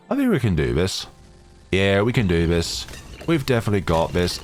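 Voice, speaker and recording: A gaming channel host, a young man, chats casually over his gameplay, rambling and poking fun at himself. His voice is still deeper than normal as he gets over a chest infection, and he is recorded on a home computer microphone.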